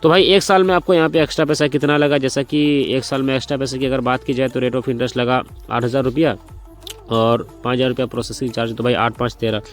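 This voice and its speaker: A man's voice: medium pitch, flat delivery, faint music behind. A man in a casual vlog, walking viewers through loan arithmetic step by step, repeating figures and calling the audience friends. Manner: repetitive, walks through sums step by step, addresses viewers as brothers and friends; speaking slowly and deliberately by choice. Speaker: motorcycle finance explainer.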